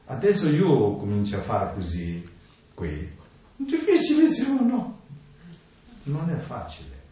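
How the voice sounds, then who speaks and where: A man giving an informal talk on the mind, speaking in halting, simple phrases and often checking in with a questioning "no?" after his points. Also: lowish voice, big pitch swings, mellow. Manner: halting, simple non-native grammar, keeps adding "no?". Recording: echoey room, distant mic, faint noise.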